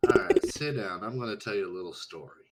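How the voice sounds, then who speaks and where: A man's voice: fairly low pitch, expressive, quick pace, lightly acted. A man voicing an exasperated, foul-mouthed little gnome girl who talks down as if to a child, on a clipping mic. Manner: blunt, condescending, simplifying as if for a child.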